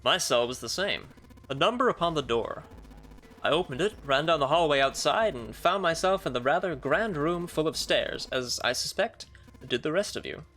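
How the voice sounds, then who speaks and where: Lady doing a composed old gentleman from a game, low n formal, measured, bit of music under it. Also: expressive. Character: calm, composed older man with lion-like dignity. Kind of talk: voiced visual novel dialogue.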